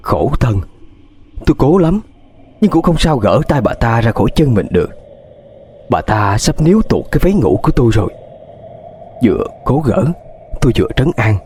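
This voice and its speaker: A man's voice: medium pitch, sing-song, normal speed, long pauses, darkish tone, breathy edge. A man narrating a ghost story in a tense, dramatic way, with hesitations.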